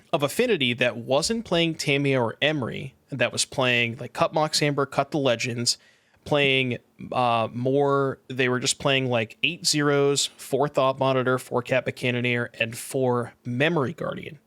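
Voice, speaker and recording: A man from Connecticut co-hosting a podcast, chatting casually and working through ideas with quick restarts. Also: medium pitch, fairly bright tone, no room sound. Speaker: podcast co-host. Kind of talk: casual chat.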